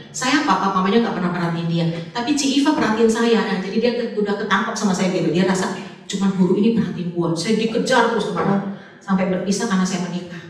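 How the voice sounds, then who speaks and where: Fast-talking woman in an echoey hall. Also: medium pitch, recorded from a distance. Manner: lively storytelling, acting out dialogue. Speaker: Sunday school teacher and guest speaker. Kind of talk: personal story in a church talk.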